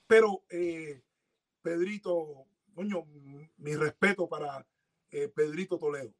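A man's voice: fairly high pitch, slow pace. A man co-hosting a casual boxing chat, talking emphatically and repeating words to drive a point home. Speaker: podcast co-host.

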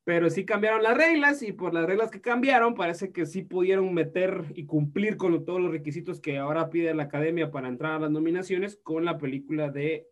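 Male podcast co-host, fairly high voice, relaxed slangy banter full of swearing. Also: fairly quick, few pauses. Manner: laid-back, slangy, swears freely. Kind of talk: casual chat.

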